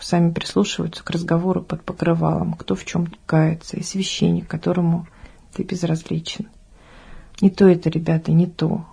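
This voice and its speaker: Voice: medium pitch, vocal fry, mellow, husky. A speaker reading a listener's letter aloud on a talk show, then briefly commenting on it.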